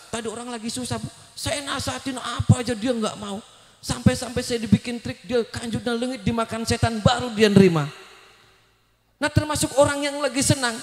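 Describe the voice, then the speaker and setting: A man, preaching a humorous storytelling sermon at a cafe event and putting quick questions to his listeners. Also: extremely high pitch. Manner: animated, addresses listeners directly with quick questions. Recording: echoey hall with long reverb.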